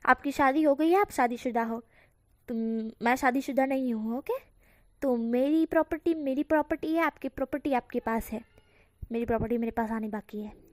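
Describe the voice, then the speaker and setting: A lovestruck young man gushes and teases his mother in a cheeky way, as a woman narrator puts him on. The voice sits high and the sound is dry. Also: normal speed, darkish tone, dry recording, close to an everyday voice. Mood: teasing.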